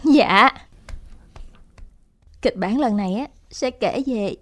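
A woman's voice: a little high, takes it slowly. A woman playing a polite young granddaughter. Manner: polite, lively.

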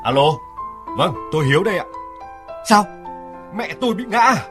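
A fussing middle-aged son. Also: male voice, high voice, animated, music in the background. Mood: alarmed. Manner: hurried, fussing, scolding. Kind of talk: radio drama acting.

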